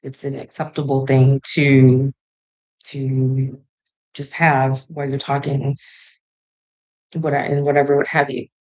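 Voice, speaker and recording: A woman's voice: rumbling low, little pitch movement, slow pace, pauses often, darkish tone, poor audio. A young woman talking to camera in a casual, rambling way, giving advice like she is chatting with a friend. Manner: chatty, rambling, shifts into playful voices. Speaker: vlogger.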